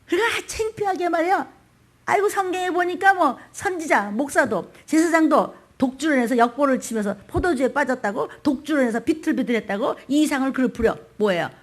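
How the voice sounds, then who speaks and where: A woman pastor delivers a sermon in a fairly high voice, talking in a plain colloquial way. She acts out the voices she quotes and peppers the sermon with rhetorical questions. Her delivery swings from loud outbursts to hushed whispers. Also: brisk.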